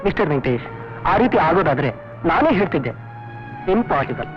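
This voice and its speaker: An actor playing a formal doctor who delivers bad news in a brisk, matter-of-fact way. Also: male voice, on the high side, very animated. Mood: grave. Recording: dull old film soundtrack with music.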